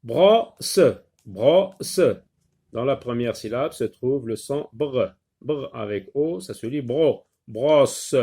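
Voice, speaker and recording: Speaking a little high with a slightly mellow tone, a male teacher walks young children through phonics. He repeats each word several times and pauses frequently with hesitant fillers.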